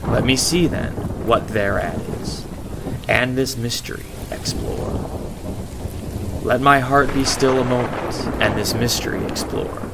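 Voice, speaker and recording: A man gives a theatrical, deliberate dramatic reading of gothic poetry. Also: medium pitch, fairly even intonation. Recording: noisy, with rain and thunder behind. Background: rain and thunderstorm ambience.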